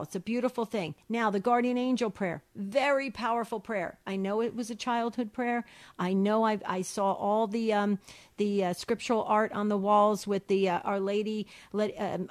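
A woman's voice: medium pitch, a little mellow. Chatty woman co-hosting a radio show. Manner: chatty, many fillers and restarts. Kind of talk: casual radio talk answering listener questions.

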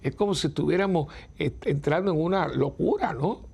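Older priest, husky gravelly voice, chatty and chuckling, breaks off and restarts. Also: male voice, fairly high pitch, brisk, a little mellow. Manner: conversational, self-interrupting, chuckling. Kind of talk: informal spiritual talk.

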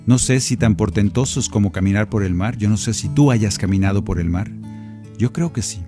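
Mellow-voiced man preaching over guitar. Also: lowish voice, moderate pace. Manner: earnest, gently persuasive, speaks directly to the listener. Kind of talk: conversational preaching reflection. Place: home recording studio.

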